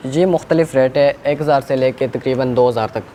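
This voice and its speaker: A man's voice: medium pitch, brisk, mellow. A man with a Pakistani accent working as a shop seller, listing stock and prices in a repetitive, unscripted sales presentation. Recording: clear background noise.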